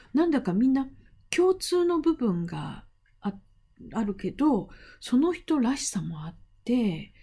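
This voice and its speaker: A middle-aged woman teaching in a casual spoken lesson, chatty and playful, asking rhetorical questions and dropping into breathy asides. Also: mid-range voice, dark tone. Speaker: interpreting instructor.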